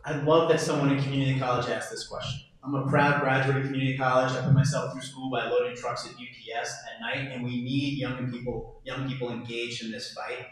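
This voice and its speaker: A man's voice: medium pitch, little pitch movement, brisk, few pauses. A man candidate giving a rousing campaign answer at a forum. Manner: rousing stump-speech delivery. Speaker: political candidate. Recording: echoey hall, distant mic.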